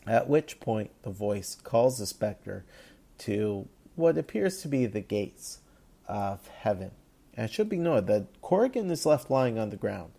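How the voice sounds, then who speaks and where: A man hosting a podcast, retelling a comic book story in a measured, thoughtful way. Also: fairly low pitch, gravelly, mellow, breathy edge. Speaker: podcast host. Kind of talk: casual podcast commentary.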